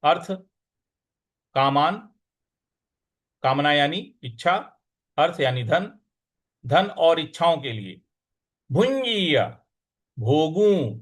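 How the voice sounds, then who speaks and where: A man's voice: on the high side, very animated. A man teaching verse pronunciation, breaking words into syllables and chanting the lines in a sung tone. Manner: slow, syllable-by-syllable pronunciation drills. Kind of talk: Sanskrit recitation lesson.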